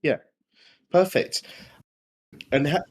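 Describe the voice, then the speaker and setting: A man's voice: a little high, takes it slowly, a little mellow, breathy edge. A man who hosts an interview, asking short questions and giving brief encouraging replies, with some stumbles.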